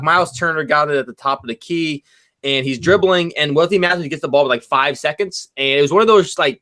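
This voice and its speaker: A man co-hosting a casual sports chat show, talking in an excitable, loud way. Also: a little high. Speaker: co-host.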